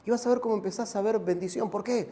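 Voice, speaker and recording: A man with a Rioplatense Spanish accent preaching a sermon as pastor, animated and rising to shouts. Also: sits high, quick pace.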